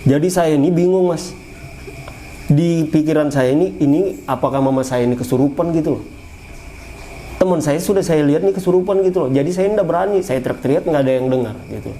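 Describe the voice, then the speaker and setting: A man recounting his own eerie experience in a casual, animated way, often repeating phrases and addressing the listener. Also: a little high, fairly quick, a little hiss or hum, rough recording. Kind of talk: casual first-person ghost story.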